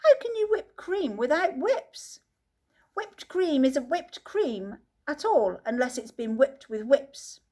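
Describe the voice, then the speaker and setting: A woman voicing an eccentric, excitable old male chocolate maker in an audiobook reading, gleefully rhyming and shouting orders. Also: high-pitched, takes it slowly, voice pushed up, exaggerated voice. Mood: matter-of-fact.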